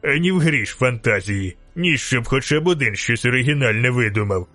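A man voicing a mocking, bribe-taking male soldier on guard duty in an audiobook, with a slow, jeering drawl. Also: medium pitch, expressive, pushed and bright, soft background music.

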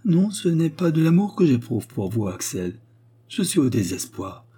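A man voicing a distressed, tearful young woman in her twenties, pleading and gentle. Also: fairly high pitch, very animated, moderate pace, breathy edge, pitched above the performer's own voice. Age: 20s.

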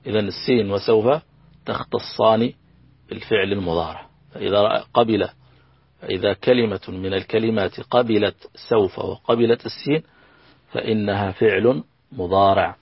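A man teaching a lesson on Arabic grammar, slow and patient, repeating key phrases and working through examples. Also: lowish voice, vocal fry, slightly rough, no room sound, highs cut off. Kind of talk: recorded classroom lesson.

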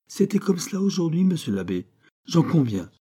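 A man's voice: medium pitch, moderate pace, warm tone, pitched above the performer's own voice, lightly acted. A man doing a pleading teenage schoolboy. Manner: pleading, whining.

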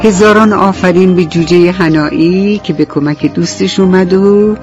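A woman narrating a bedtime story on the radio, speaking gently and turning to the children listening. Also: on the low side, music in the background. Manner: gentle, addresses children directly. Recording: dull dry radio studio sound.

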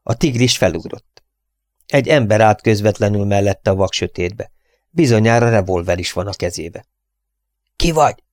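A man reading an adventure novel aloud as an audiobook narrator, in a measured, dramatic storytelling manner. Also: fairly low pitch, darkish tone, dry recording, studio quality. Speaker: audiobook reader. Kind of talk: scripted narration.

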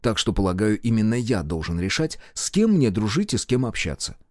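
A calm young healer who lays out his terms in a measured, dignified voice, as the male narrator speaks him. His intonation is lively, and the recording is close and dry. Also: on the low side, dry recording. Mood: assured.

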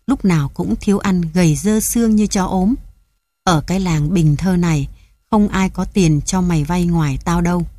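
A man's voice: high voice, dark tone, no echo, lightly acted. A woman reading the part of a greedy, domineering old village chief who makes coarse threats.

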